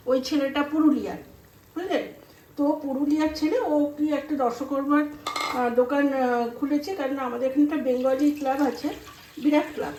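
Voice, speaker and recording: A high-pitched, middle-aged woman with an Indian Bengali accent vlogs herself cooking at home, telling chatty, rambling stories. She acts out conversations she remembers, and the recording has a roomy echo plus some background noise.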